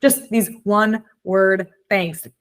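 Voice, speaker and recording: A woman's voice: medium pitch, steady tone, very slow. A woman in her forties hosting a podcast, chatting reflectively and acting out her own thoughts. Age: 40s. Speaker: podcast host. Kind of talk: casual chat.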